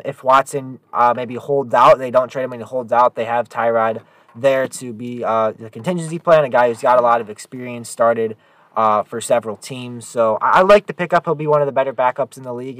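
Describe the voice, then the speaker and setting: A man's voice: mid-range voice, fairly bright tone, no echo. Young man chatting casually, dry sound. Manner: agrees readily, then explains at length with fillers. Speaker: podcast co-host. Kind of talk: casual sports chat.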